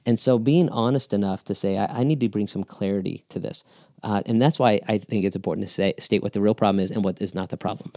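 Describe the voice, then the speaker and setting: A man with a somewhat low voice speaks earnestly and with emphasis, often restarting and repeating words as he teaches. The sound is dry and close, with no room around it. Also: fast, darkish tone, dry recording. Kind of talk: conversational teaching on conflict.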